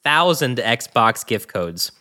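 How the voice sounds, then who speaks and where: A man co-hosting a podcast in casual chat, animated and laughing often as he explains a story. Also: mid-range voice, slow. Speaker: podcast co-host.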